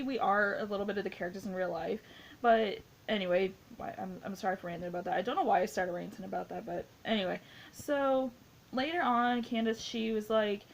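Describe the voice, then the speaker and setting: A woman's voice: mid-range voice, slight background noise. Woman, 20s, casual film-review vlogger, rambling and enthusiastic, mid-range voice. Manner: rambling, gushing, heavy use of "like". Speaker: movie reviewer. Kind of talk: casual spoken movie review.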